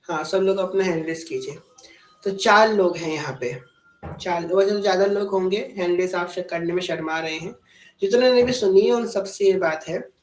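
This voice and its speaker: A woman's voice: lowish voice, far from the mic. A woman giving a devotional discourse to a gathering, drawing out the verses she recites and putting questions straight to her listeners. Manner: slow, drawn-out recitation of verses, then plain explaining; addresses listeners directly with questions. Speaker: spiritual discourse speaker. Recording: echoey room.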